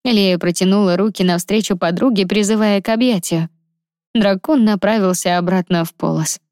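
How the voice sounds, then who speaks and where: A woman narrating a fantasy story in an even, steady reading voice, recorded dry and close. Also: medium pitch, moderate pace, no room sound. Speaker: audiobook narrator. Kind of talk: scripted narration.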